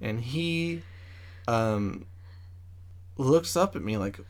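A man of middling pitch chats across a table at home, telling an anecdote in halting bursts. He hesitates often, fills gaps with ums and restarts his sentences, in a relaxed, casual podcast manner. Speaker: podcast co-host. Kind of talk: casual chat.

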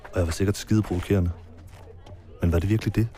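Deep flat-voiced man narrating a documentary. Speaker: filmmaker narrator. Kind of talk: first-person documentary voice-over. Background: marimba music.

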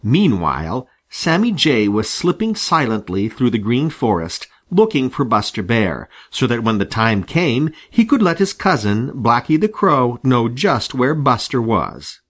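A man narrating a children's storybook with a lively, animated reading. His pitch sits mid-range but rises and falls constantly as he tells the tale. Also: a little slow, few pauses. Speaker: audiobook reader.

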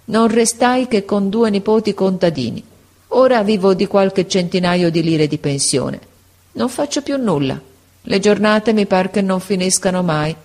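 A woman voicing a frail, gentle old male schoolteacher in an audiobook, speaking slowly and tenderly. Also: mid-range voice. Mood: sorrowful. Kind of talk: audiobook character voice.

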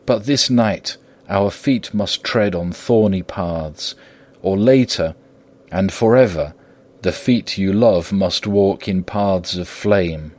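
A man reading an audiobook voicing an old, grave and compassionate professor, solemn and measured. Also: low voice, darkish tone.

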